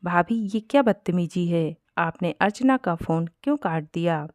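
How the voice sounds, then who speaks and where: A woman's voice: fairly low pitch, animated, moderate pace, no echo, studio quality, lightly acted. A woman voicing a young man in a Hindi storybook reading, firm and slightly irritated. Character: young man, polite, annoyed groom-to-be.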